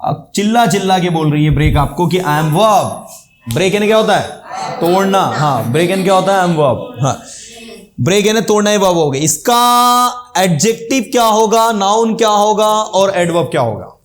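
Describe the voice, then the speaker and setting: A fairly high-voiced Indian male teacher leads a grammar lesson in class, quizzing students with quick, short questions and repeating their answers. He is expressive, music plays underneath, and his English example sentences are delivered slowly and deliberately.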